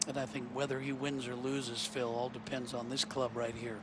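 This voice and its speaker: A man's voice: medium pitch, level tone, moderate pace, background noise. A man giving live golf commentary, explaining technique in a conversational analyst's way. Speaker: golf commentator, former player.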